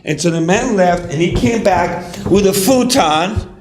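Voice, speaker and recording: A male pastor telling a parable at a fundraiser, in a halting style with many fillers. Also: sits high, lively intonation. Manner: halting, filler-heavy storytelling. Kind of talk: sermon storytelling. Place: fundraiser event hall. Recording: echoey hall, faint noise.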